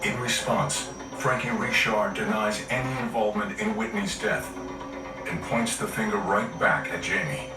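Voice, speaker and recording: Low-voiced man narrating true crime over music. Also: animated, moderate pace, roomy sound, recorded from a distance, poor audio.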